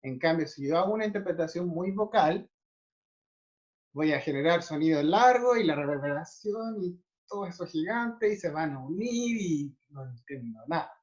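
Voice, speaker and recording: A man's voice: sits high, highs cut off. A man teaching a music theory class, explaining step by step and often checking that students follow. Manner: explanatory, checks understanding with frequent tag questions. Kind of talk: online theory class lecture.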